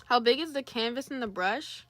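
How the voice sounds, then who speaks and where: A woman's voice: fairly high pitch, lively intonation, normal speed, a bit bright, soft background music. A young woman chatting casually on a drawing livestream, reading chat aloud and greeting viewers. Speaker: streamer.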